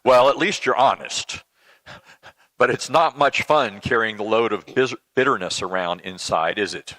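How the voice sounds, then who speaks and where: A man playing a patient, probing, gently teasing God, questioning and admonishing conversationally in a comic dramatic reading. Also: lowish voice, normal speed, no room sound. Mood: gently counselling.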